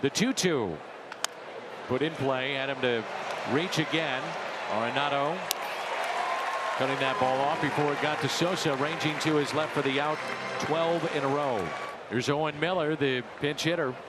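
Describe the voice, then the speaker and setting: A man's voice: fairly high pitch, normal speed, long pauses. A man calling baseball play-by-play like a radio announcer, in punchy, clipped calls that swell on big plays. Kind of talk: live baseball broadcast commentary in the manner of a radio announcer. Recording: loud stadium crowd noise behind. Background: ballpark crowd.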